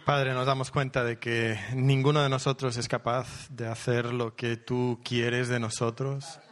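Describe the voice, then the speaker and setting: A man's voice: mid-range voice, level tone. Solemn man leading prayer. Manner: slow, solemn, deliberate. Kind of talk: public prayer.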